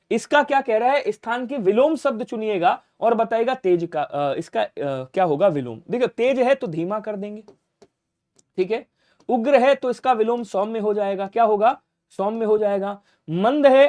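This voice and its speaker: A high-pitched male teacher drilling exam grammar questions at a brisk clip. He asks each question and answers it himself in the same breath, and he drops his voice low for quick reminders. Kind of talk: exam-prep grammar lesson.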